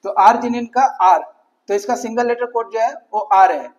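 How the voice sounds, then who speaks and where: High-voiced man teaching in Hindi-English. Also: a little slow, highs cut off. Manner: mixes Hindi and English, repeats "ठीक है" often; asks questions and answers them himself. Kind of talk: exam-prep lecture.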